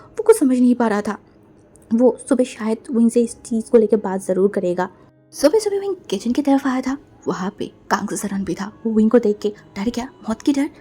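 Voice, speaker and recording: A woman's voice: fairly high pitch, lively intonation, moderate pace, warm tone, breathy edge, soft background music. A woman casually retelling a fan fiction story, often repeating words and mixing in English.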